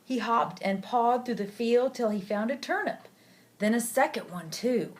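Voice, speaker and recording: A woman's voice: a little high, unhurried. Sweet older woman reading aloud, background noise. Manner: sweet old lady, gentle and affectionate. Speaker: grandmother reading a bedtime story to a child. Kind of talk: read-aloud picture book storytelling with asides to a child. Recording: clearly noisy home recording.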